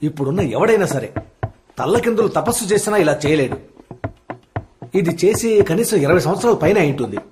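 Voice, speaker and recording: An actor playing a brisk, exclaiming man who inspects a gem and old notes in a comedy film scene. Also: high voice, sing-song, music in the background.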